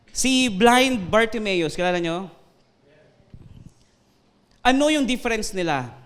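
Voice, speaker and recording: A man's voice: high-pitched, a bit bright, smooth. A man with a Filipino accent preaching a sermon, joking with the congregation, laughing often and mixing Tagalog with English. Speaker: pastor. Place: church.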